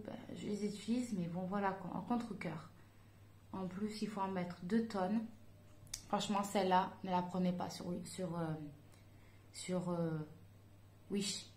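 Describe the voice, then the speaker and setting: Woman doing a makeup vlog, chatty and hesitant, lots of ums, mid pitch, echoey room at home. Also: a little mellow. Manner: chatty, hesitant, many fillers, talks to viewers. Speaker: beauty vlogger. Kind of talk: casual makeup tutorial chat.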